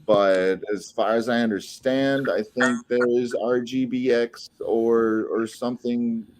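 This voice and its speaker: A man's voice: medium pitch, takes it slowly. A young man from Costa Rica, a flow artist and saber maker, talking casually in a podcast interview with restarts and laughs. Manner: relaxed, rambling with restarts and laughs.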